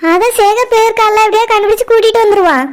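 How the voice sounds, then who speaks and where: A woman voicing a calm young woman in a cartoon who comforts a crying friend, with a Kanyakumari Tamil accent. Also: very high-pitched, racing. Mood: soothing. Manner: soothing and reassuring. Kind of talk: cartoon voice acting.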